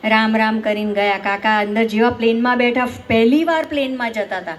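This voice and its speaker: A woman's voice: a little high, fairly quick. A woman performing stand-up comedy and telling stories in a chatty, teasing way, talking straight to her audience.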